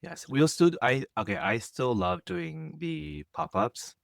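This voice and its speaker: A man's voice: on the high side, animated, a little slow, gravelly, no room sound. Dry, teasing young man co-hosting a podcast. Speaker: podcast co-host. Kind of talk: casual chat.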